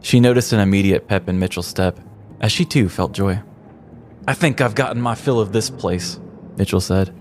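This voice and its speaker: Narrating a comic script for his podcast, the man speaks on the low side at a moderate pace, his tone a little mellow, and he plays it dramatic, ornate and mock-serious. A slight hiss or hum is audible alongside the background music bed.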